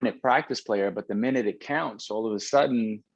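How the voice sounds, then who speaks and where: A man's voice: on the low side, normal speed, gravelly, dull audio. A middle-aged man in a casual conversation, talking in long rambling stretches with frequent restarts. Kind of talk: casual conversation about baseball.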